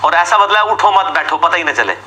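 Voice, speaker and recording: Against a noisy background, a man whose voice runs a little high gives an animated, argumentative religious talk as a lecturer. Sarcastic rhetorical questions and imitations of his opponents fill his delivery.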